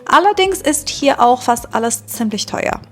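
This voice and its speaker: A woman from Iran, a German teacher, narrating a vlog for learners in a slow, deliberate way with some filler sounds. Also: on the high side, lively intonation, soft background music.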